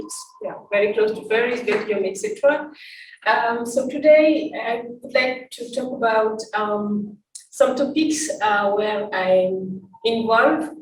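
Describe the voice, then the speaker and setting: With a mid-range voice, a Senegalese woman invited as an academic speaker presents a slide-based conference talk. Her delivery is halting, full of fillers and restarted sentences. Captured from a distance, the audio is roomy and carries a little faint noise.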